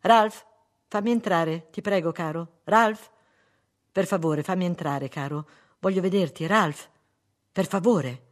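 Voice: medium pitch, normal speed, close to an everyday voice. A reader voicing an anxious adult wife who keeps pleading through a locked door in an audiobook. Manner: pleading, insistent. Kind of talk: audiobook reading.

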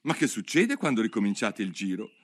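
A man's voice: fairly low pitch, very animated, fairly quick. A man voicing Alice, a curious and polite young girl in a storybook reading, speaking carefully and wonderingly. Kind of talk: audiobook reading.

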